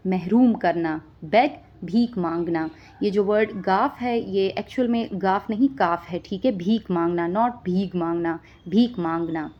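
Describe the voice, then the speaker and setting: A woman teaching vocabulary, listing each word with its meaning and often checking understanding with a quick question. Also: mid-range voice, muffled recording. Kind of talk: spoken vocabulary lesson.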